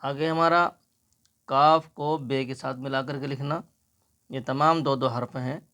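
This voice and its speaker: A man teaching a slow, patient Urdu writing lesson, explaining each stroke as he writes. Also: mid-range voice, gravelly, a bit bright.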